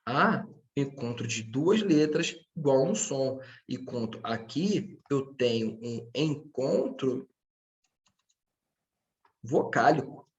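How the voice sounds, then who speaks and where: A man's voice: medium pitch, lively intonation, slow pace, lo-fi sound. Patient man teaching a lesson. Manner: patient, checks in often with 'tá?'; speaks to his students directly. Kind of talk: online grammar lesson.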